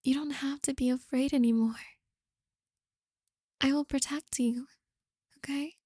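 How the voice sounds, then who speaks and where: A woman playing a possessive, manipulative girlfriend in an ASMR role-play, soft and breathy, with a creepy, coaxing, controlling manner. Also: high-pitched, fairly even intonation, measured pace, no room sound, clean studio sound. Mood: sweetly possessive. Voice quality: soft, breathy, often soft-spoken. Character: possessive, manipulative yandere girlfriend, sweetly menacing.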